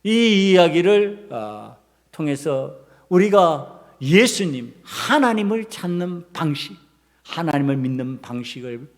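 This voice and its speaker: Male pastor, higher-pitched voice, emphatic rhetorical preaching, long church reverb. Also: sing-song, slow. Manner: emphatic, asks many rhetorical questions. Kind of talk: sermon. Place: church sanctuary.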